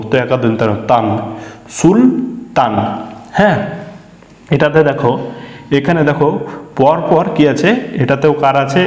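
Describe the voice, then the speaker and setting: A man's voice: medium pitch, a little mellow. A man teaching a beginners' reading class, patiently spelling out sounds letter by letter and repeating them. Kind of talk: spelling out syllables in a reading lesson. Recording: echoey room.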